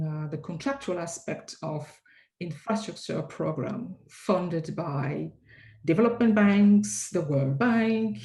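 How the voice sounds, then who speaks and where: A woman from Cameroon, giving measured, reflective answers as an interview guest, often pausing with hesitations. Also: on the low side, mellow, poor audio. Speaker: compliance consultant, interview guest.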